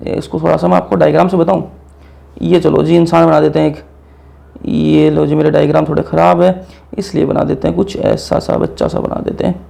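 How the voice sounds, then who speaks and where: A man's voice: on the high side, little pitch movement, brisk, gravelly, dark tone. A young man teaching an exam-prep biology lecture, casual and chatty, asking questions and answering them himself. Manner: call-and-response questioning, repeating answers.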